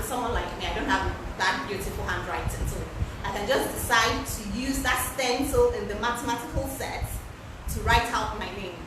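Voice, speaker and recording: A fashion pattern-drafting instructor with a loud, medium-pitched voice leads a live-streamed sewing pattern class in a casual, chatty way, often repeating words for emphasis. She is heard from some distance in a very echoey room, with steady background noise running under her voice.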